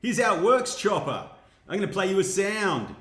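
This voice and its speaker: A man playing a smooth-talking radio DJ host in a parody radio show, with a slick, upbeat on-air patter. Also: high-pitched, very animated, normal speed, a bit bright, reverberant.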